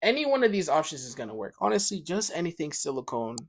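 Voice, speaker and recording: A man's voice: a little high, sing-song, quick pace. A young man co-hosting a casual podcast chat, joking and laughing often. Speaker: podcast co-host.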